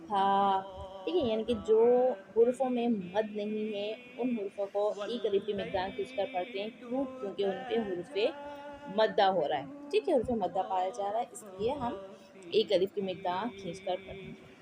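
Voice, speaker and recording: A woman's voice: mid-range voice, steady tone, moderate pace, a crowd in the background. A woman teaching Quran reading in a patient, explanatory way. She repeats each point and keeps checking that her students follow. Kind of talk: slow explanatory lesson with spelled-out drills.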